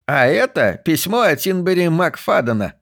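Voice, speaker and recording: Man doing a fussy, excitable old archivist. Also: on the high side, moderate pace, voice pushed up. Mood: eager. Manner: snorting, excitable, talkative. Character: fussy enthusiastic old male museum archivist.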